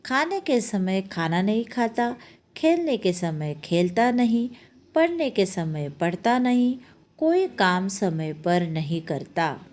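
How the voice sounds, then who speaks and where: Woman voicing a complaining fairy, storybook, lilting, unhurried. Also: mid-range voice, big pitch swings, darkish tone. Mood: accusing. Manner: complaining, accusing. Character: tattling female sleep fairy.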